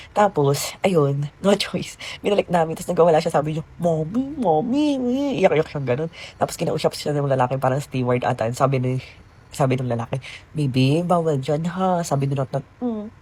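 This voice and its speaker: Fast-talking chatty young woman vlogger. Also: extremely low pitch, a little mellow, breathy edge. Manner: chatty, rambling, full of fillers. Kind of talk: casual storytelling vlog. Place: hotel room.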